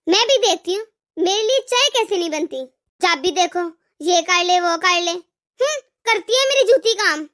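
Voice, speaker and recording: A woman's voice: very high-pitched, animated, moderate pace, a bit bright. A woman voicing an arrogant, lazy young wife in a cartoon who taunts her in-laws with scorn. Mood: scornful. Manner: taunting, sneering.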